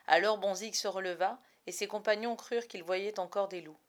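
A woman reading a children's story aloud in an expressive, dramatic storytelling manner. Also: mid-range voice, fairly quick. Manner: lively, dramatic reading with varied loudness.

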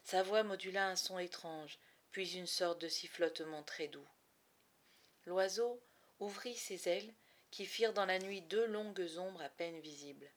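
A woman narrating a storybook in expressive, measured phrases with dramatic pauses. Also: on the low side. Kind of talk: storybook reading.

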